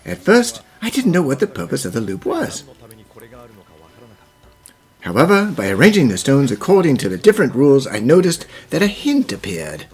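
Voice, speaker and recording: A man voicing a composed, thoughtful gentleman professor who explains things formally in an animated fan dub. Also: fairly high pitch, moderate pace. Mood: explanatory. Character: gentlemanly puzzle-solving professor, thoughtful, devoted father.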